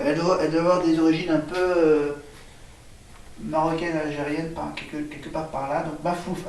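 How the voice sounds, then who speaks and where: A man talks through a casual home vlog, unhurried and halting, stopping to spell words as he writes them on a board. His voice sits a little high and comes from some distance off the camera mic. The room is echoey, with a faint hiss underneath. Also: darkish tone. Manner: hesitant, many fillers and restarts. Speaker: vlogger.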